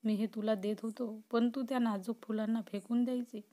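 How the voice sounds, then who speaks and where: A woman's voice: on the high side, steady tone, fairly quick, warm tone, close to an everyday voice. A woman voicing an obsessive, possessive young man who swings between pleading and threatening in a storybook reading. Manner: pleading then threatening, intense.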